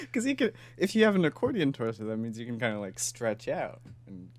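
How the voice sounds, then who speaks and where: A man's voice: mid-range voice, wildly swooping pitch, normal speed. A man co-hosting a podcast in casual chat, rambling and laughing often as he brainstorms. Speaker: podcast co-host.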